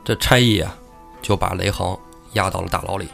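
A podcast host with a low, creaky voice talks fairly quickly as he casually retells a classic tale, acting out its characters with lively energy. Faint music plays behind him.

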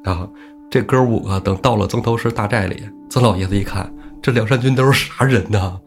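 A man casually retelling a classic tale on a podcast, lively and acting out the characters' lines. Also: fairly quick, soft background music. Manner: lively, acts out characters' lines with raised pitch. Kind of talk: casual comic storytelling.

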